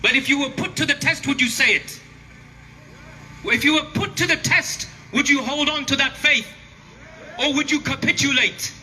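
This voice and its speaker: At an outdoor protest, a man who once was a prisoner roars out an impassioned rallying speech, firing emphatic questions at the crowd. His voice is extremely high, pushed and bright, at a moderate pace, amplified and reverberating over a noisy rally.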